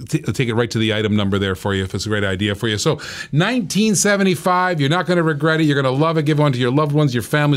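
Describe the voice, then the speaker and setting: A man hosting a talk show, pitching gadgets as an animated salesman who keeps repeating phrases and prices. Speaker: host.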